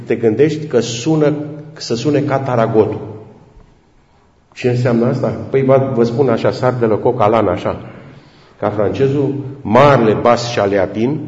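A man's voice: fairly low pitch, a little mellow. A man giving an informal storytelling talk to an audience, rambling and chatty and addressing his listeners directly. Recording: roomy hall with long reverb, dull lo-fi sound.

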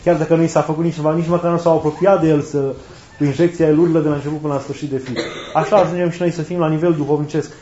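A man's voice: fairly high pitch, steady tone, mellow, slight background noise. A man preaching a sermon in a conversational way, asking rhetorical questions and repeating his key phrases. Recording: roomy, dull lo-fi recording.

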